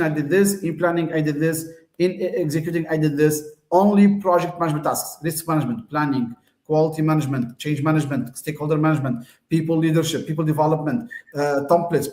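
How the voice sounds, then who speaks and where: Hosting a relaxed conversation, a man from Tunisia explains things with lots of fillers, uhs, and restarts. His somewhat high, slightly mellow voice echoes around an ringing room.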